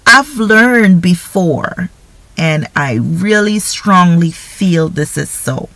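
A woman's voice: mid-range voice, no room sound, low-quality recording. A woman giving an informal devotional talk on prayer, speaking conversationally and often checking in with listeners by asking "right?". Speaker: faith speaker.

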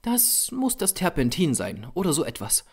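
A man's voice: huge pitch swings, moderate pace, breathy edge, full character voice. A man voicing a young female artist's model who scolds and teases in a raised voice. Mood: indignant. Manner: high, scolding and teasing.

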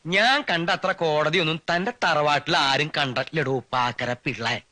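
Film comedy: taunting ex-law clerk, sarcastic and defiant; high, bright, dry delivery. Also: male voice, moderate pace, dry recording. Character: mocking quarrelsome middle-aged man, former law clerk.

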